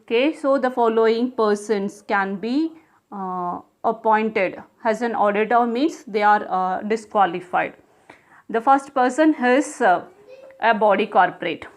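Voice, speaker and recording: A woman lecturer with an Indian accent speaks in a somewhat high-pitched voice. She delivers a formal legal reading, setting out rules clause by clause. Short teacherly markers like "okay" and "so" link the points. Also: a little slow. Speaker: assistant professor giving a lecture.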